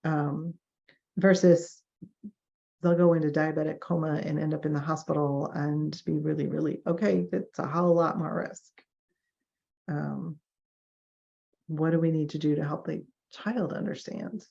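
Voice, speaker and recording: Woman lecturer, low gravelly register, chatty teaching style on a muffled recording. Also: fairly even intonation, a little slow, long pauses, dark tone. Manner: conversational, mimics clients and doctors in quoted asides. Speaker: therapist teaching a professional ethics session.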